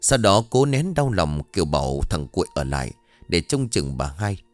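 Người kể chuyện nam đầy biểu cảm. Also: male voice, sits low, sing-song, moderate pace, no echo, soft background music. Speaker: storyteller. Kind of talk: scripted narration of a ghost story.

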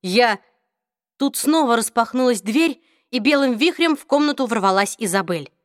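A woman narrating an audiobook in a steady, measured reading. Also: a little high, no echo, studio quality.

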